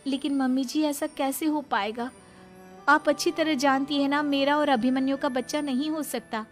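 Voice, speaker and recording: A woman's voice: high-pitched, fairly even intonation, normal speed, faint music behind, natural voice. A woman playing a young daughter-in-law in a family cartoon, earnest, aggrieved and protesting. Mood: pleading. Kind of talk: Hindi family cartoon acting.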